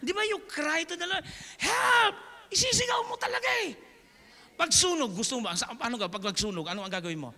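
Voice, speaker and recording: Filipino pastor preaching, high bright voice, jokes a lot, big echoey hall. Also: male voice, quick pace, creaky. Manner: animated, joking, mixing English and Tagalog. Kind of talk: sermon. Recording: reverberant hall.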